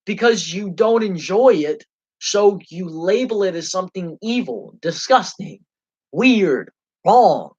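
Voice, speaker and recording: A man's voice: high voice, expressive, slow pace, darkish tone, slightly rough. A young man hosting his own livestream, ranting passionately and angrily with lots of swearing. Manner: passionate, profane and heated. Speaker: livestream host. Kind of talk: unscripted livestream rant. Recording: dull lo-fi stream audio.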